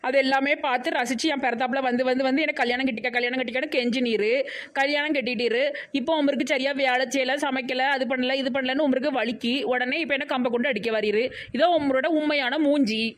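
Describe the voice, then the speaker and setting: A woman's voice: sits high, steady tone, fast, natural voice. A woman voicing a mischievous, playful young teacher in a cartoon, with a Tirunelveli Tamil accent and a teasing, sarcastic manner. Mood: sarcastic sulking.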